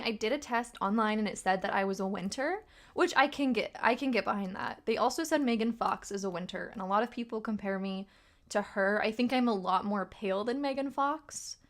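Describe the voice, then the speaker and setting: A young woman with a fairly high voice hosts a relaxed livestream. She chats in a loose, rambling way, greeting viewers and laughing often. Her voice sounds tired and slightly rough. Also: moderate pace. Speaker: livestream host and tarot reader. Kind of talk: casual livestream chat.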